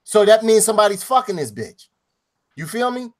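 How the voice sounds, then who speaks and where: Male podcast co-host, fairly high voice, loud profane banter. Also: expressive, moderate pace. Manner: loud, profane, laughing, acts out bits. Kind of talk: casual crude chat.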